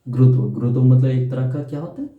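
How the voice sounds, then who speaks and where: A man's voice: medium pitch, fairly even intonation, fast talker. A man teaching a class at a board. He asks the class questions, answers them himself, and keeps repeating the key terms. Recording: echoey room, dull lo-fi sound.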